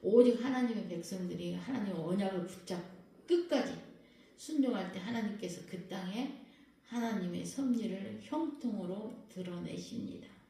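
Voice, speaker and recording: A woman pastor delivers a sermon in a mellow, warm voice, often turning to her congregation with questions. She stands some way back from the mic, and the hall gives her voice a heavy, lingering echo. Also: medium pitch, moderate pace, gravelly. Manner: lively preaching that keeps questioning the congregation. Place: prayer house worship hall. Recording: very echoey hall, voice far from the mic.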